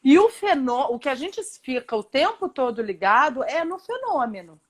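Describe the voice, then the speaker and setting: Woman, Brazilian Portuguese accent, high voice, emphatic, explaining at length, therapist on a video call. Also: sing-song, moderate pace. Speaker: Gestalt therapist, host. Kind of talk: live online discussion.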